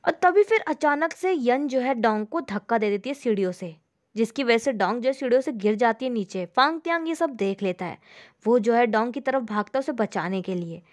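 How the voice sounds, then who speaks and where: Fairly high-voiced woman retelling a drama. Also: brisk. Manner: steady retelling, leans on the filler "जो है". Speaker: drama recap narrator. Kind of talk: storytelling narration of a drama plot.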